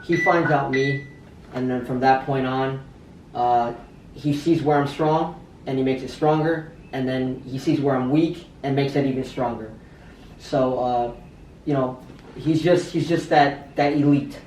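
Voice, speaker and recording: A man, a fighter in training, giving casual interview answers in a halting way, often repeating his words. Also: mid-range voice, fairly even intonation, darkish tone, recorded from a distance. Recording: echoey room, off-mic, faint background noise.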